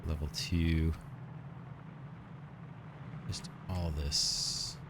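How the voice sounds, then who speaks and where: A man with a low, deep voice talks through his factory game as he plays. He muses out loud, unhurried, often asking himself questions as he works out his next step. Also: flat delivery, noisy background. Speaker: let's play host. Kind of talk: thinking aloud while playing a strategy game.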